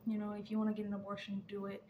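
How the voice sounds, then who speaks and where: A young woman talking candidly to camera, rambling and trailing off softly, a little out of breath. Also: medium pitch, monotone, very fast, reverberant, phone-quality sound, slight background noise. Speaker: vlogger. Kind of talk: casual chat to camera.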